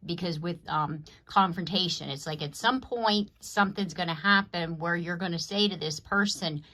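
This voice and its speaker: A woman's voice: fairly low pitch, normal speed, sharp tone. A woman reading tarot cards for an audience in a rambling, conversational way, often checking in with "you know what I mean.". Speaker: tarot reader. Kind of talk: casual collective tarot reading to camera.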